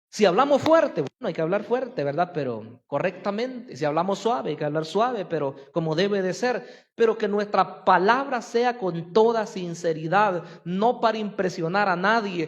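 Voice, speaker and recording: A man pastor preaching a sermon in a church, earnest and often asking his congregation rhetorical questions. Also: high-pitched. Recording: long hall reverb.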